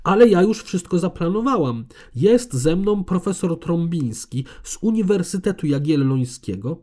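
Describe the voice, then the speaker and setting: A man reading an audiobook, voicing an arrogant, aggressive female heritage conservator who shouts. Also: high voice, animated, normal speed, pitched above the performer's own voice. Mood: furious.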